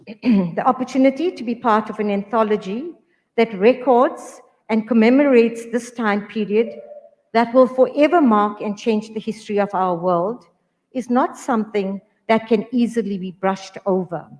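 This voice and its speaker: A woman author reading a prepared speech at a book launch, earnest and measured. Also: a little high, a little mellow. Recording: reverberant hall.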